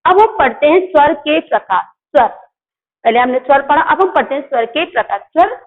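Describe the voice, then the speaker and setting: A woman with a high voice teaching Hindi grammar to children in an online class. She poses questions to the class and answers them herself, and she corrects her own slips as she goes. The audio is tinny, like a phone line. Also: expressive, normal speed. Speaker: school teacher.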